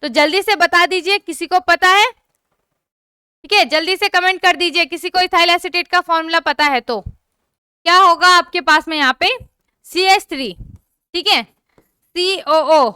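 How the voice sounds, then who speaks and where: A young woman teaches a chemistry lesson online in a very high, bright voice. She keeps checking that her students are following along and asks them to comment. The sound is close and dry. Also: measured pace, no echo.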